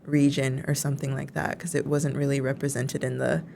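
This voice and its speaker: A woman's voice: very deep voice, level tone, a little fast, gravelly, warm tone, slight background noise. A young woman in her twenties from the Chicago suburbs, co-hosting a casual chat and filling her talk with "like". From Chicago suburbs, United States. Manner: chatty, heavy use of filler "like". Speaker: co-host.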